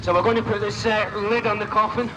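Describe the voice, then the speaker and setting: Through an outdoor PA, a high-voiced man announces a stunt show with jokey, informal banter, speaking quickly with fairly even intonation. The sound is big-room, with crowd, vehicle and outdoor noise around him.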